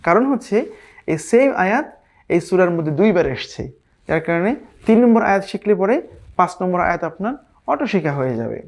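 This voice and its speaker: Guy teaching quran recitation, patient, says the verses real slow and drawn out, keeps asking if you got it. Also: high voice, very animated, darkish tone. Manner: patient, repeats verses slowly and checks in with listeners; drawn-out Arabic recitation between plain explanations. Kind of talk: online recitation lesson.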